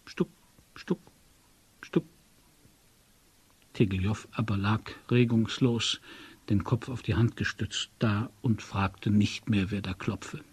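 A man narrating a story in the first person, in a measured storytelling manner. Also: fairly low pitch, steady tone, slightly rough. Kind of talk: audiobook narration.

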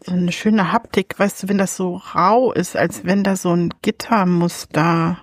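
A woman's voice: on the low side, steady tone, unhurried, slight background noise. A woman co-hosting a casual podcast chat, talking with enthusiasm, thinking aloud and laughing often. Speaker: podcast co-host reviewing comics.

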